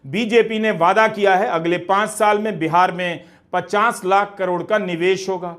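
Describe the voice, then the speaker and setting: A man delivering scripted political commentary in a measured, critical tone with rhetorical questions. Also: high-pitched, fairly even intonation, noisy background. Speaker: news commentator.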